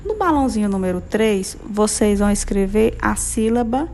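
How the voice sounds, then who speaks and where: With slight background noise, a young Brazilian primary teacher dictates syllables to small children, patient and slow. Her medium-pitched voice has a dark tone and lively, sing-song intonation, and she checks in frequently; her accent is Brazilian Portuguese.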